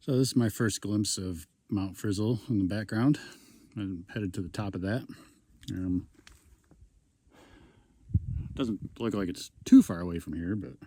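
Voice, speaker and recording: A man's voice: fairly low pitch, measured pace, long pauses. A man casually narrating a hiking vlog outdoors on a wooded mountain trail, rambling with lots of ums. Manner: relaxed, rambling with many ums. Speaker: hiking vlogger. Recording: outdoor noise behind.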